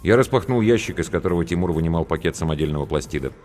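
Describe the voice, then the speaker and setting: A man narrating an audiobook story in a measured, grave storytelling manner. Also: low-pitched, animated, a little mellow. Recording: long reverb with faint music.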